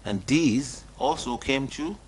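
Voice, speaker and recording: A middle-aged man delivers a sermon from a small studio desk, reading scripture passages in an earnest voice. He questions his listeners directly and stresses key words by lifting his pitch. He is picked up by a webcam at desk distance. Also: takes it slowly, slightly rough. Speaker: preacher.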